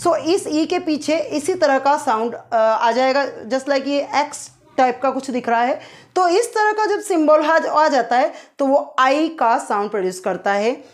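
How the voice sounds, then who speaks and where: A woman's voice: high voice, lively intonation, unhurried. A woman teaching phonetic symbols, who asks her students questions, answers them herself and draws out sounds to demonstrate them. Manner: repeats key points as quiz questions and answers them. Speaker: English teacher.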